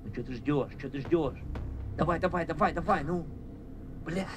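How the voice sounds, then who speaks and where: A man's voice: on the high side, normal speed, music in the background, lightly acted. A man playing an urgent, commanding special forces squad leader in a military shooter game, giving terse tactical orders. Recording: loud car engine and game noise.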